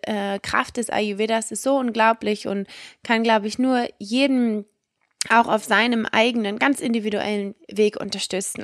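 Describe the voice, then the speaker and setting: A woman's voice: a little high, no room sound, studio quality. A woman podcast host giving a personal, effusive introduction, repeating words for emphasis.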